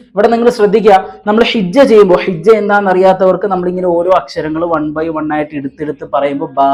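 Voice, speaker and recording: A man teaches Quran recitation from a board in a studio classroom. His talk is easy and explanatory, and it turns slow and raised whenever he spells out letters one by one for his students. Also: darkish tone. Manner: rises in pitch and slows when spelling letters, casual aside elsewhere.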